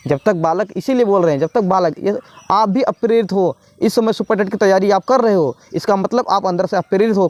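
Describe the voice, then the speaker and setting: A man's voice: high-pitched, darkish tone, no room sound. A male teacher gives a spoken exam-prep lesson, repeating points and asking and answering his own questions. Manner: repetitive, asks and answers own questions, says "bhaiya".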